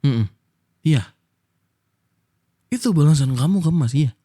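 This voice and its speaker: A man's voice: a little high, animated, takes it slowly, warm tone. A young Indonesian man in a whispered role-play as a husband, scolding his wife with hurt reproach.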